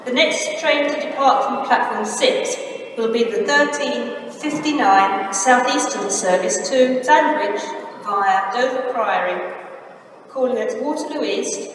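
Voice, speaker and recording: Train station announcement, woman, slow and formal, slightly high voice, loudspeaker heard from far off in an echoing hall with noise. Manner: measured, even, formal delivery. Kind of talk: recorded departure announcement. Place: large railway station concourse. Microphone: station loudspeaker picked up from far off. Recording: echoey station hall, distant, noisy. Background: station ambience.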